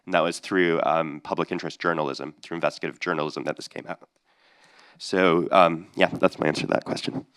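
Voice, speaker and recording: A man speaking on a panel discussion, measured and a little wry. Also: low voice, steady tone, a bit bright, smooth. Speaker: panelist, not a lawyer.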